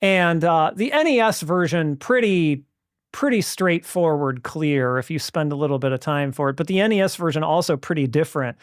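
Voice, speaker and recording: A man's voice: a little high, moderate pace, clear, resonant tone, no echo, clean studio sound. A man hosting a live stream, chatting casually about retro arcade games, often restarting and correcting his sentences. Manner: rambling, restarts sentences, self-correcting, friendly. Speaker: streamer and host.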